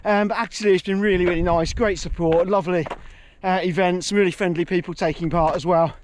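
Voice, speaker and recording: High-voiced man vlogging while running. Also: steady tone, fast, slight background noise. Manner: talking while running, exerted; self-deprecating, rueful. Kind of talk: casual running vlog to camera. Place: outdoors on a marathon course.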